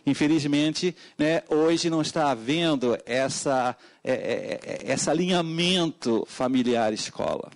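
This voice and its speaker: This middle-aged Portuguese educator, with a European Portuguese accent, gives formal testimony at a public hearing. He speaks a little slowly with hardly any pauses, using many hesitant fillers and sudden emphatic jumps in pitch.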